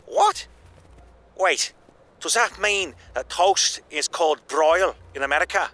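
A man's voice: a little high, unhurried, bright, forceful tone. An actor playing a male friend on the phone who talks in a defensive whine and squeals when upset. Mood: indignant. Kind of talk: audio drama acting.

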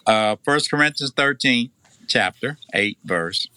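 A man's voice: medium pitch, lively intonation, a little slow, bright, forceful tone, clean tone, no room sound. An older man with a Tennessee Southern accent, chatting casually in hesitant, folksy phrasing. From Tennessee, United States. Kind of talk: casual chat.

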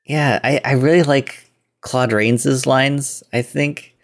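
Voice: mid-range voice, fairly even intonation, takes it slowly. A podcast co-host in casual chat, chiming in with short corrections and agreements.

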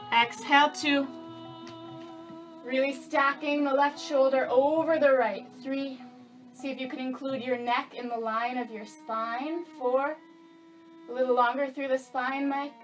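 A woman's voice: high voice, fairly bright tone, low-quality recording. A woman teaching yoga, giving encouraging, easygoing step-by-step cues and counting breaths over the movements. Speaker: yoga instructor. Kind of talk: guided yoga class instruction with breath counts. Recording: plucked guitar music behind the voice. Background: guitar music.

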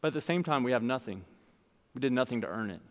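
A man in his thirties preaching a sermon, earnest, moving between emphatic points and quiet, casual stories. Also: mid-range voice, animated, fast. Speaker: pastor. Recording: long hall reverb.

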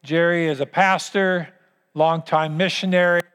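A man preaching a sermon as pastor, with earnest, emphatic phrasing and deliberate pauses. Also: on the high side, steady tone, fairly bright tone, smooth. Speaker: pastor leading a church service. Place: large church hall. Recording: long hall reverb.

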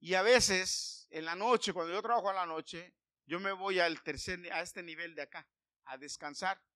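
A man preaching a sermon, emphatic and building to loud declarations. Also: high voice, normal speed, no echo.

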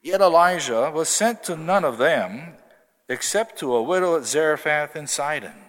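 A man giving the gospel reading at Mass in a formal, measured way, his voice carrying a long church reverb. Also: on the high side, animated, fairly bright tone. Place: large church. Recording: long echo of a large church.

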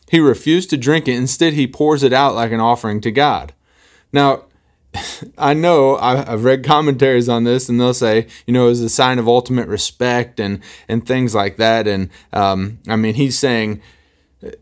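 A man in his thirties preaching a sermon as a pastor, earnestly acting out quoted voices. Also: mid-range voice.

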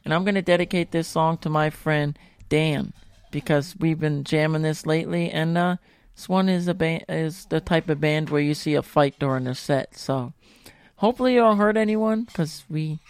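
A man's voice: a little high, normal speed, smooth, no room sound. A young man hosting a casual live internet radio show from home, talking in a loose, joking, profane and rambling way.

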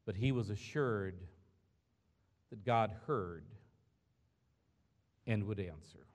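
A man's voice: on the low side, slow, a little mellow. A man pastor preaching a sermon in a church, earnest and conversational, asking the congregation rhetorical questions.

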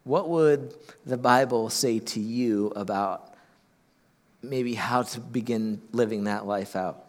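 A man's voice: medium pitch, takes it slowly. A man from Ohio preaching a sermon as pastor, earnest, often repeating words as he restarts. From Ohio, USA. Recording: long hall reverb.

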